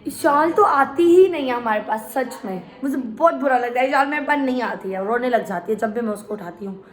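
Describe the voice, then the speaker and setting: A woman's voice: a little high, brisk. A woman talking chattily to her viewers in a casual home vlog, filmed on a phone. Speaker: vlogger. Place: home with guests. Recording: busy room with children's noise. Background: children playing and guests chatting.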